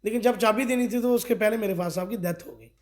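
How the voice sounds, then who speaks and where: A man's voice: high-pitched, fast, a little mellow. A middle-aged man from Kathua, a district party official, giving a local news interview and pressing his complaints with rhetorical questions. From Kathua, Jammu and Kashmir.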